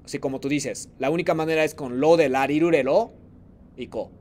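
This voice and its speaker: Man, Japanese teacher, patient and encouraging, slightly high-pitched voice, switches between Spanish and Japanese phrases. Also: fairly quick, darkish tone, a little hiss or hum. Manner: patient, encouraging, calls on students by name. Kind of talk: online class lesson.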